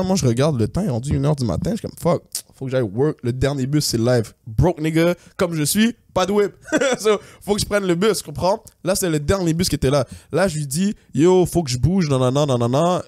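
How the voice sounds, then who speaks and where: Young guy on a podcast, rapid animated storytelling, slightly high voice, tosses in english slang. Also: dry recording, studio quality. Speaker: podcast host. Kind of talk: casual storytelling.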